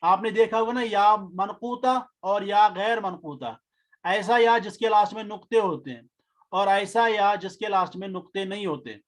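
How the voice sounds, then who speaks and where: Patient man teaching, high voice. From India. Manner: patient, repeats key terms slowly. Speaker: Arabic teacher. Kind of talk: explaining a grammar lesson.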